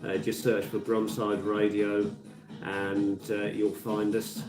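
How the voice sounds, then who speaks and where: A man in his fifties from Birmingham, England, presents live radio in a Brummie accent, his fairly low voice completely flat and unhurried. His casual, rambling chat between songs is full of fillers and restarts. The community studio sounds echoey through a distant mic, with music in the background.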